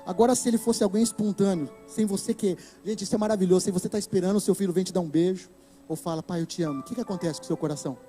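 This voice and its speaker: A man with a Brazilian Portuguese accent preaching a sermon to a church, impassioned and breaking into shouts. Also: high voice, racing, soft background music. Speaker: pastor. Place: church hall.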